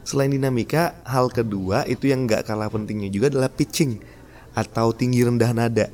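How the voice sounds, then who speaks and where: A man's voice: medium pitch, brisk, darkish tone. Man, podcast host, casual and chatty with frequent laughs. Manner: chatty, laughs often, demonstrates tones. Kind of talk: casual talk about public speaking.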